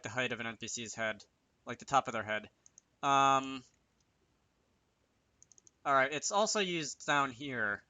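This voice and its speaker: A man with a mid-range, bright, forceful voice and no echo talks casually over a screen recording. He's a game developer hosting a tutorial series, unscripted and hesitant, thinking aloud as he works.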